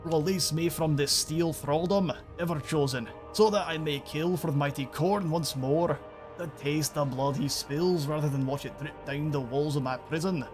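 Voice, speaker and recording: A man voicing a bloodthirsty male demon trapped in a sword, with an exaggerated over-the-top Scottish accent and a loud, theatrical delivery. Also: on the high side, moderate pace, over music, voice pushed up, close to an everyday voice. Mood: pleading, demanding.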